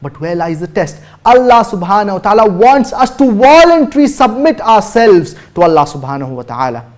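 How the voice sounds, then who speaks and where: Measured preacher with a higher voice. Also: male voice, big pitch swings. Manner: recites Arabic verses fast, then translates slowly with emphasis; formal, measured, cites chapter and verse numbers. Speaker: Islamic preacher answering viewer questions. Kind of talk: religious lecture.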